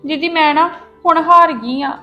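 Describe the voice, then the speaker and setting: Tearful younger sister, woman actor, Punjabi accent, high-pitched. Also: normal speed, highs cut off, soft background music, natural voice. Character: young woman upset after failing a test. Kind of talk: Punjabi family drama acting.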